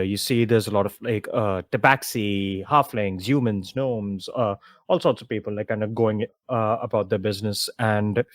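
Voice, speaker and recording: A man describing scenes as a game master in a relaxed, easygoing way, his voice mid-pitched and even. The sound is dry with no room echo. He talks loosely, dropping in many filler words. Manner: casual, lots of "like" and "uh" fillers. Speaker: dungeon master. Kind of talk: narrating a tabletop game.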